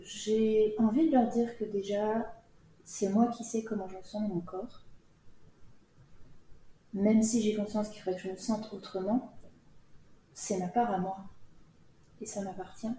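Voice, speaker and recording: A woman guest on an interview podcast, speaking hesitantly with frequent pauses and fillers. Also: medium pitch, fairly even intonation, dark tone, reverberant, poor audio. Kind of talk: personal interview.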